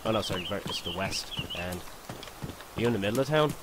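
A man in casual game chat over a headset, excitable and quick to swear and laugh. His voice sits low but jumps around a lot in pitch. Loud gameplay noise runs under everything he says. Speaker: gamer. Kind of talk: casual let's-play chat.

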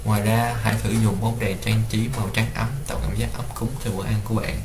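A young man, a student, reading a class report aloud in a steady way. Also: fairly low pitch, quick pace. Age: young adult. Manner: steady, read-aloud delivery. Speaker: student presenter. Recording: roomy with clear background noise.

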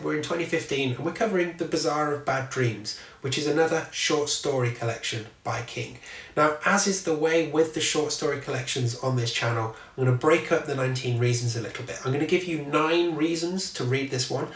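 Speaking briskly in a somewhat high voice, a thirtysomething man reviews a book to camera in a casual, dry-humored way from his little home office, cursing at passing traffic. The mic is set well back, so the room sounds echoey and distant.

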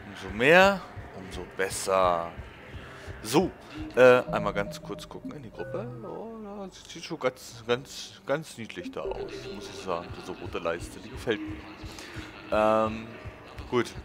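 A man's voice: lowish voice, sing-song, unhurried. A man giving casual gameplay commentary as a let's play host, musing and thinking aloud. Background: game music.

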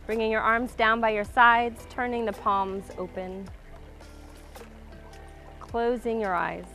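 Calm woman guiding a grounding breath exercise. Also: on the high side, slow, soft background music. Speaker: yoga instructor. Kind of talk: guided slow-flow yoga class. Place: outdoor waterside wooden deck.

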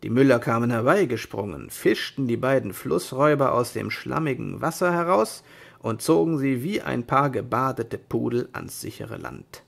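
A man reading an old fairy tale aloud in a measured storybook manner. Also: mid-range voice, lively intonation, vocal fry.

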